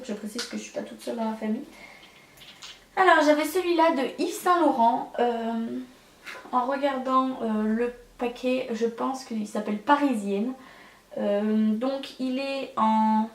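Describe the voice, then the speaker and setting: A woman's voice: a little high, unhurried, echoey room, recorded from a distance. A young woman chatting in a casual vlog, hesitant and full of fillers as she shows her collection. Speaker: beauty vlogger.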